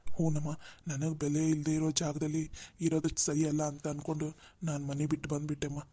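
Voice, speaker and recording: A man voicing a humbled, jobless older brother in a cartoon drama, speaking gently. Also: on the high side, monotone, fairly quick, husky, no echo. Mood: sorrowful. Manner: gentle, pleading, dialect-heavy.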